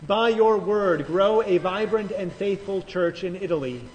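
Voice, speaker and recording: A male pastor leading liturgical prayers in a slow, measured cadence, heard in the echo of a large church. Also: sits high, lo-fi sound, a little hiss or hum. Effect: cathedral echo. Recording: long church reverb, faint music.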